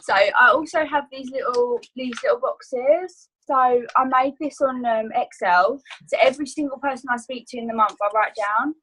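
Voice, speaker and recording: Woman on a video call sharing tips, slightly high voice, loads of ums and restarts, super casual. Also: moderate pace, few pauses, fairly bright tone, a little hiss or hum, poor audio. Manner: chatty, many fillers and restarts. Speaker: guest trainer. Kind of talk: casual online training talk.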